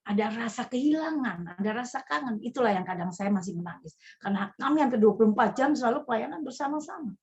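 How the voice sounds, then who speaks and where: A woman's voice: medium pitch, darkish tone, dull audio. A woman pastor giving an earnest, emphatic sermon.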